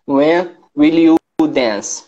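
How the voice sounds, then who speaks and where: A man from Rio de Janeiro, a student answering a teacher's drills with slow, careful repetition. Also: fairly high pitch, mellow, muffled recording.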